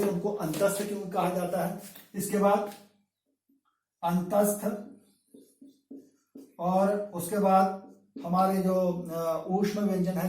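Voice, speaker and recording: A man teaches pronunciation, stretching sounds out to show how they are made. He speaks from a little way off the mic, and the room adds a clear echo. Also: high-pitched, darkish tone. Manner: slow, drawn-out demonstration of sounds with fillers. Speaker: Hindi lecturer. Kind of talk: classroom-style pronunciation lesson. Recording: echoey room, voice from a distance.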